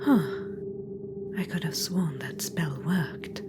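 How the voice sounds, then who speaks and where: In an ASMR audio roleplay, a woman voices an imperious undead witch-queen spirit, whispering in a teasing, condescending, commanding way. Her low voice moves slowly in a coaxing whisper, and there is clear background noise in the recording.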